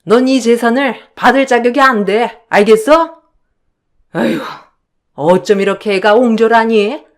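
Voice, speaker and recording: A woman's voice: fairly high pitch, measured pace, close to an everyday voice. Woman doing a domineering mother-in-law, scolding, contemptuous, storybook drama.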